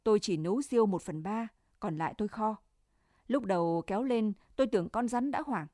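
A woman's voice: mid-range voice, brisk, warm tone, dry recording, studio quality, close to an everyday voice. A woman voicing a caring, practical young male soldier in a storybook reading, speaking plainly and reassuringly.

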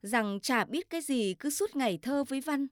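A woman voicing a nagging village wife who loudly scolds her husband, in a storybook reading. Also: high voice, animated, moderate pace, dry recording, clean studio sound, pitched above the performer's own voice. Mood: scolding. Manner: loud, complaining and scolding.

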